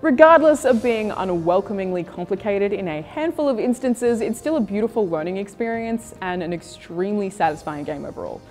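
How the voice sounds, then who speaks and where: A woman's voice: medium pitch, expressive, brisk, hardly any pauses, a little mellow. A woman reading scripted video game reviews and news as a presenter. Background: music.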